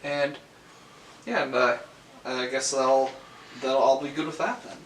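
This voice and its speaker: A man's voice: mid-range voice, fairly even intonation, unhurried, fairly bright tone, slight background noise. A man playing a tabletop game, speaking in a mild, hesitant way. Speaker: player. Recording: echoey, from a distance.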